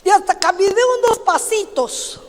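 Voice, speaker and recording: A woman's voice: very high-pitched, moderate pace, a little mellow, in a large hall. An older woman, preaching a sermon through funny, folksy stories told to the congregation. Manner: anecdotal, humorous, folksy asides to the congregation. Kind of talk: sermon with storytelling. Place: church.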